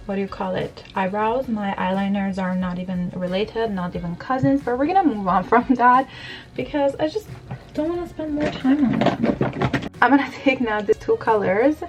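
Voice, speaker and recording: An Iranian beauty blogger in her thirties talks in a mid-range voice, recorded with poor audio by a desk camera in her bedroom. She does her makeup while answering questions in a candid, filler-heavy get-ready-with-me chat.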